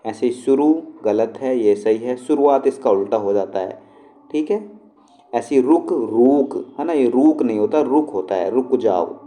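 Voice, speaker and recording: Dark-voiced man teaching spelling. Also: fairly low pitch, moderate pace. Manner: explains patiently, with frequent check-ins to the class. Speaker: shorthand and typing teacher. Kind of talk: spelling lesson walkthrough.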